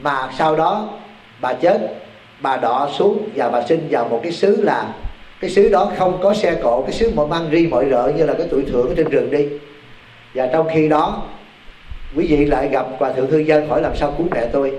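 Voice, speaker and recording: A man, a Buddhist monk giving a lively sermon and quizzing his listeners, in an echoey temple hall. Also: a little high, moderate pace. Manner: animated, quizzing the audience. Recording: echoey hall, faint background noise.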